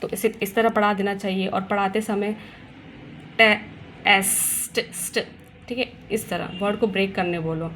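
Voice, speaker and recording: A woman explaining a reading lesson for parents in a casual teaching way. She mixes in English words, sounds words out slowly and often checks in with listeners. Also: medium pitch, steady tone, slight background noise.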